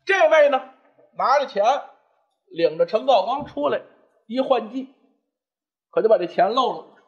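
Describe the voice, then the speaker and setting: A man performing a traditional story, narrating in a lively, animated way. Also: very high-pitched, a little slow, dull audio. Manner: lively, animated, switching voices.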